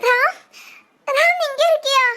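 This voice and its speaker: A woman's voice: very high voice, measured pace, sharp tone, exaggerated voice. A woman voicing a frantic, tearful young woman in a cartoon, pleading and repeating a name. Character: young woman frantic over her lover. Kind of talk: Tamil cartoon voice acting.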